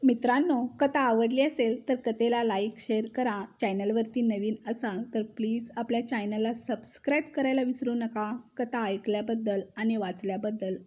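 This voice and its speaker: A woman narrating a first-person family story in a steady, gently wry manner. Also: a little high, moderate pace, hardly any pauses, lo-fi sound.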